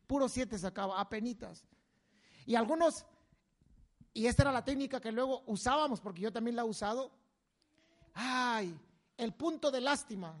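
A male preacher delivers a sermon. His delivery is animated, with sudden loud, emphatic bursts. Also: extremely high pitch.

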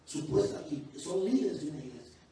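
A man's voice: a little high, animated, moderate pace, a little hiss or hum. Fervent preacher man in a very echoey hall. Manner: testimony building to loud fervent preaching. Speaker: pastor. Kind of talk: sermon. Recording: distant, very echoey church hall.

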